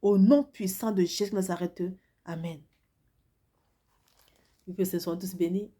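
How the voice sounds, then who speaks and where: Speaking a little slowly in a lowish, dark, steady voice, a woman preacher and self-proclaimed prophetess gives an earnest devotional sermon and testimony. Congested from a cold and flu, she repeats herself and keeps restarting phrases.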